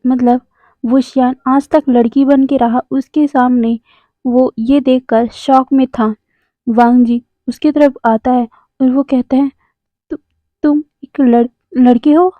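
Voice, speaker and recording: A woman narrating a fan fiction story in a plain, pausing way. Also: high voice, no room sound. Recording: dry, tinny phone-like sound.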